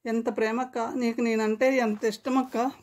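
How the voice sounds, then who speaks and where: A woman's voice: a little high, level tone, normal speed, a little mellow, close to an everyday voice. A woman reading the lines of a grief-stricken young man mourning his sister, with anguished, pleading calls. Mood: grieving.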